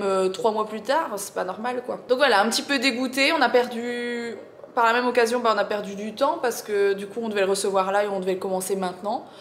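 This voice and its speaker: A woman chatting casually to viewers as a vlogger, with a slight lisp on her s sounds and an informal, digressive way of telling things. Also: mid-range voice. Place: indoors at home. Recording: roomy echo, faint background noise.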